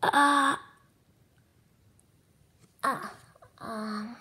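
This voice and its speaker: A young girl vlogging in a rambling, halting way, talking with her fingers in her mouth. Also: fairly high pitch, fairly even intonation, sharp tone. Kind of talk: casual vlog.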